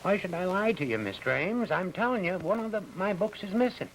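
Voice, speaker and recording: Indignant, higher-voiced fussy bookkeeper. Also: male voice, animated, a little fast, slight background noise, low-quality recording. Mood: grumbling, suspicious. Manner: folksy ungrammatical, grumbling. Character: indignant, fussy store bookkeeper, blunt and suspicious. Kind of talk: 1950s TV drama character acting.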